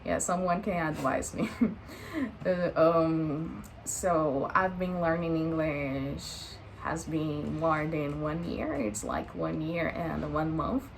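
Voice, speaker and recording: Speaking slowly in a low, gravelly, steady voice, this late-20s woman vlogs off the cuff to the camera with a Brazilian Portuguese accent. She hesitates often and uses many fillers. The low-quality recording carries a little hiss or hum.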